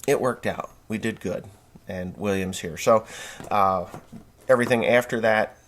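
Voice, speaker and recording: Fairly low-pitched and fairly bright, this New Jersey man in his forties talks at a measured pace. As a podcast host, he delivers a rambling monologue in a blunt, folksy way, with plenty of fillers and restarts.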